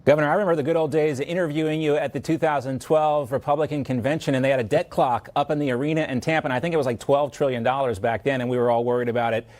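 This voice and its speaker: A man hosting a TV news segment, brisk and chatty as he moves between guests. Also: medium pitch, fairly even intonation, a little mellow. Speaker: news anchor.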